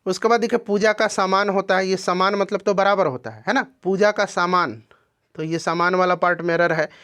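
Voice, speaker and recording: A man's voice: high-pitched, a little fast, a bit bright, smooth. A man teaching as an exam coaching teacher, going through test questions and explaining each answer, checking in with listeners as he goes. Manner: explanatory, repeats "ठीक है ना" to check in.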